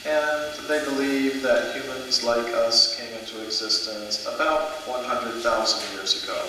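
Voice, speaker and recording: A man giving a public lecture in measured, deliberate short phrases, leaving room for an interpreter. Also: medium pitch, steady tone. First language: English. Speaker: lecturer, researcher in history of archaeology. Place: museum lecture hall. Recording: echoey hall, distant mic, noisy.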